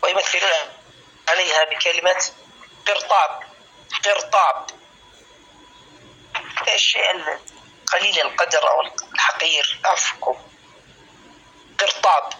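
A man teaching a classical Arabic lesson, slowly spelling out word patterns syllable by syllable and calling students by name. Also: on the high side, fairly even intonation, bright, forceful tone, low-quality recording. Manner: addresses students by name, asks if clear.

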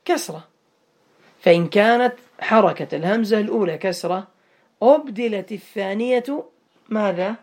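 A man's voice: high voice, normal speed, pauses often. Guy teaching grammar over an online call, keeps quizzing students by name and drilling words. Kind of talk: online Arabic grammar lesson.

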